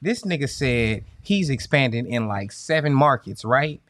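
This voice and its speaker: A man telling stories in casual podcast chat, animated and full of profane slang. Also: mid-range voice, measured pace, dry recording. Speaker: podcast co-host.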